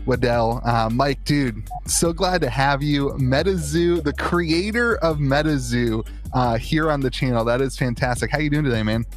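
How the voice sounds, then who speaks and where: Man, interview host, casual chat, enthusiastic, stammers and restarts, middle pitch. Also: normal speed, hardly any pauses, faint music behind.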